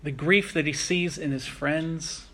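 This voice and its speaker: Earnest man preaching, fairly high voice. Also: steady tone, pushed and bright. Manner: earnest, reflective, slows down on key phrases. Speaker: pastor. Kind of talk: sermon.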